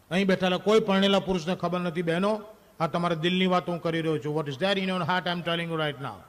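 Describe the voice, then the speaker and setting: A man performing a stand-up comedy monologue on stage, telling animated stories and acting out quoted lines from a wife and a husband, with English phrases mixed in. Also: a little high. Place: stage before a live audience.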